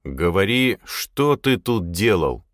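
A man doing a slow, stern commander. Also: low-pitched, sing-song, no room sound, clean studio sound, heavily acted. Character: stern, commanding older man, calm menace.

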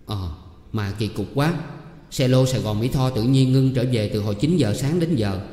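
A man voicing a gentle, earnest young village woman. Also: medium pitch, moderate pace, lightly acted. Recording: echoey reverberant room.

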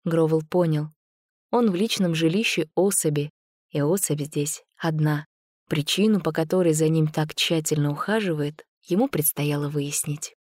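A woman narrating a story aloud in an even, measured storytelling manner. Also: low-pitched, no room sound, studio quality. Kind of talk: audiobook narration.

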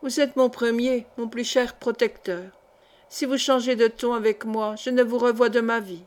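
A woman's voice: fairly high pitch, little pitch movement, normal speed, a little mellow, lightly acted. A woman reading as a proud young officer. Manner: earnest, proud.

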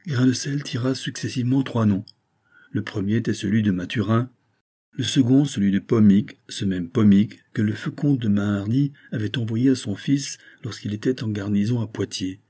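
A male narrator reading an audiobook in a measured, storytelling voice. His low voice is dark and mellow, with a husky edge. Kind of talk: scripted narration.

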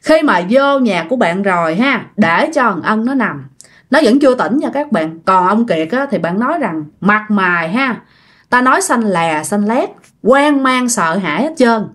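A woman's voice: medium pitch, lively intonation, moderate pace, a bit bright. A woman with a Southern Vietnamese accent casually retelling a ghost story, chatting directly to her listeners.

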